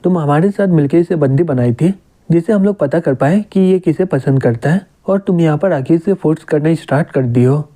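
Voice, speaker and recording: A man reading the lines of an accusing, jealous young woman in a manga recap, in a fairly high, mellow voice. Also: brisk, close to an everyday voice.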